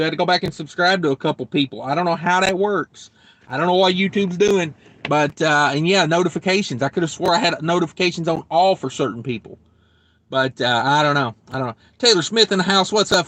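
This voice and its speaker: A man's voice: a little high, a bit bright, dry recording. A man hosting a casual trucker livestream, rambling and joking as he reads viewer comments aloud. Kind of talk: casual live-stream chat.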